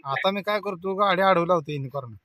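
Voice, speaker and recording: A man's voice: high voice, brisk, sharp tone, no room sound, studio quality. A man with a rural western Maharashtra accent on a casual prank phone call, talking colloquially in a pleading, insistent way. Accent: rural western Maharashtra Marathi. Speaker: prank caller. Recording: noisy phone call with vehicle sounds.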